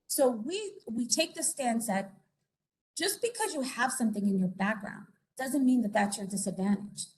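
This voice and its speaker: In a conference or meeting room, a Puerto Rican woman who works as an investigator gives an informal, informative talk packed with fillers and tag questions. Her somewhat high voice has lively intonation and a moderate pace, captured on a rough recording.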